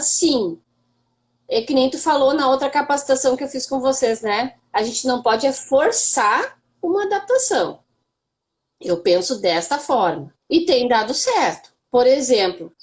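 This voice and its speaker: A woman speaks as a special education teacher in a relaxed interview. Her voice sits a little high. She talks in loose, friendly phrases, often tagging them with a questioning filler, and walks through one example at a time. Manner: conversational, explains with examples, many filler "né". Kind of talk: casual testimonial interview.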